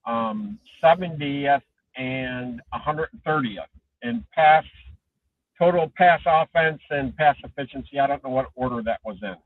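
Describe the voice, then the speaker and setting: A man calling in to a sports talk show over a phone headset, his voice muffled as if heard through a wall, talking haltingly with many ums and restarts. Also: medium pitch, no echo. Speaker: caller. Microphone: Bluetooth phone headset. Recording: muffled far-off phone line.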